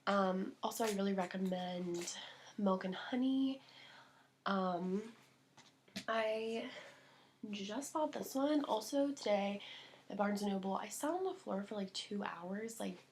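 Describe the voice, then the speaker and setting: A young woman talking casually to camera about books and the holidays, gushing and chatty, full of fillers and quick little laughs. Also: mid-range voice, a little mellow, slight background noise. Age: young adult. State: out of breath. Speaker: vlogger. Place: at home, indoors.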